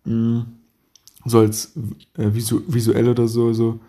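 Laughing young man, mellow voice. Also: medium pitch, completely flat delivery, measured pace. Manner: laughs often, rambling with slang and restarts. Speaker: podcast host. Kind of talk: casual podcast chat.

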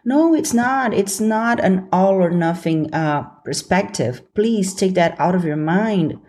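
Animated yet unhurried, her medium-pitched voice has a darkish tone. She's a young adult from Brazil, hosting a solo motivational podcast with earnest encouragement and easy laughter.

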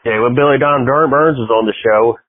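A man hosting a casual interview podcast, hoarse after being sick, rambling and laughing often. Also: mid-range voice, a little fast. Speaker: podcast host. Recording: tinny phone-like dry sound.

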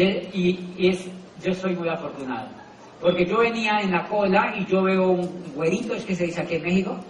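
Colombian male speaker, lively anecdote teller, a bit high-voiced, recorded far off in a roomy hall with faint ambience. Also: slight background noise. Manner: animated storyteller who acts out dialogue. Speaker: business motivational speaker. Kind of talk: live talk to an audience with anecdotes. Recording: echoey hall, distant mic, faint ambience.

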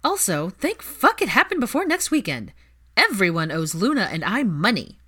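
A brash, teasing young woman, as a woman puts her on for a spoken story. She's loud and bossy, pitched well above the reader's own voice. Her lines swoop up and down. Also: big pitch swings, moderate pace, slightly rough, heavily acted.

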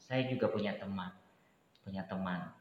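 A man speaking as an interview guest, hesitant with many pauses and restarts, growing lively as he recounts events. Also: low-pitched, slight background noise. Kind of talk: candid personal conversation. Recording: echoey room, dull sound.

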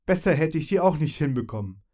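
A man's voice: a little high, lively intonation, fast, a little mellow, voice pushed up. A cheerful summer fairy from a storybook who loves to joke, put on by a man. Her voice sits well above a plain male reading voice. She talks in a bubbly, eager way. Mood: teasing. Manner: bubbly, teasing.

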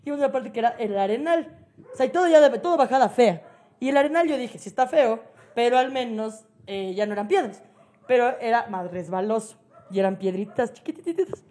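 Ecuadorian woman telling a story on a podcast, high voice, swears a lot, laughs a lot. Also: expressive, a little fast, dark tone. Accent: Ecuadorian Spanish. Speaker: podcast co-host. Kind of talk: casual storytelling chat.

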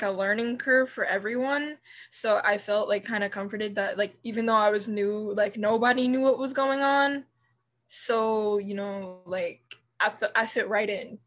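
A woman's voice: mid-range voice, a bit bright. A young woman chatting casually as a podcast guest, peppering loose sentences with filler words. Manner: says "like" constantly, loose phrasing. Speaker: podcast guest, committee co-lead. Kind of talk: casual chat.

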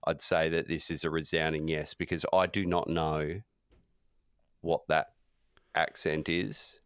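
A man's voice: rumbling low, flat delivery, a little slow, fairly bright tone, clear, resonant tone, dry recording, studio quality. A man co-hosting a podcast, laid-back and hesitant with fillers. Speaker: podcast co-host. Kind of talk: casual comedic chat.

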